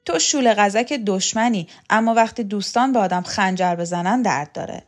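A woman reading an audiobook, voicing a domineering, scornful woman who taunts and threatens loudly. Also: medium pitch, close to an everyday voice. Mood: scornful, furious. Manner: loud, sharp, taunting. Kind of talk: audiobook character voice.

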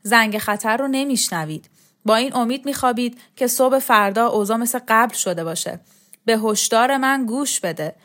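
A bitter, restless young man lectures with a sardonic edge, as a woman reader voices him. Her own mid-pitched voice barely changes for him. It is an audio storybook. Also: natural voice. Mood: urgent warning.

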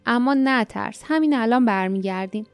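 A scornful, wary teenage girl of the wild woods, as a woman reader puts her on. She speaks a little high in a close, dry storybook reading, with faint music under her. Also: smooth, no room sound, lightly acted. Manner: mocking, wary.

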